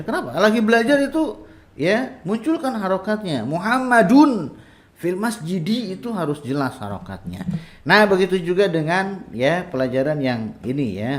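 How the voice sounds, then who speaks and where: A man teaching Arabic in a casual online lesson, explaining patiently and drawing out example phrases slowly. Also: mid-range voice.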